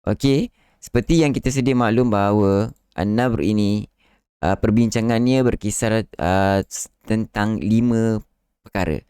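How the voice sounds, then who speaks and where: A man's voice: fairly low pitch, measured pace, dark tone, smooth, dry recording, studio quality. A man hosting a live online lesson on Quran recitation, explaining with frequent "ah" fillers and showing how words are stressed. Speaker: Quran recitation teacher and live show host.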